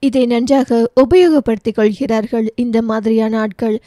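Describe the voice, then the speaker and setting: A woman reading a romance novel aloud as an audiobook narrator, in an even, steady manner, voicing every character herself. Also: a little high, moderate pace, no room sound.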